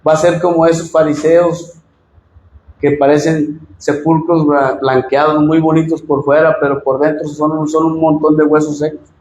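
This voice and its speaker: A Mexican pastor preaching a sermon, swinging from loud emphatic lines to low asides. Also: male voice, level tone, normal speed, echoey room, a little hiss or hum, low-quality recording.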